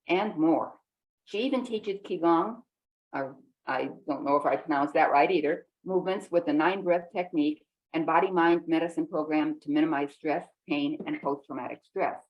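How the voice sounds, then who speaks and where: A woman hosting a podcast, reading a guest introduction, then chatting in a slightly halting way. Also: low-pitched, poor audio. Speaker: podcast host. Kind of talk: podcast intro and casual interview.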